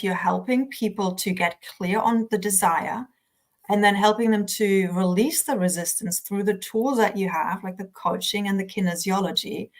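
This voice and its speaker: A woman podcast host asking a guest long, thoughtful questions, often restarting her phrasing. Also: mid-range voice. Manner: thoughtful, rambling, self-correcting questions. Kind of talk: casual interview questioning.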